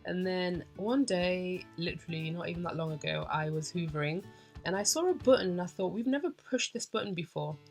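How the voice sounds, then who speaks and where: A young British woman with a croaky morning voice, chatting in a casual, rambling voice-over from bed about her cleaning. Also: on the low side, brisk, soft background music. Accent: British English. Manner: chatty, rambling, says "literally" and "like" a lot. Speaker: vlogger. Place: in bed at home.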